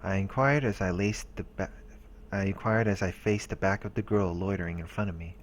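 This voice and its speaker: A man hosts a let's play, reading a visual novel's narration aloud and adding casual commentary, with the game's music clearly audible behind him. His low voice is a little fast with fairly even intonation, and there's a slight hiss or hum.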